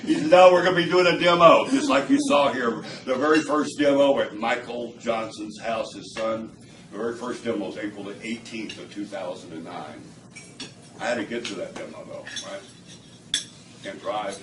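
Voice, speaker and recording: At a product demo, a man with a fairly low pitch and normal speed gives a storytelling testimonial to a small live audience indoors. He is an animated storyteller who acts out quoted dialogue and laughs often. The recording is echoey and distant, with audible background noise.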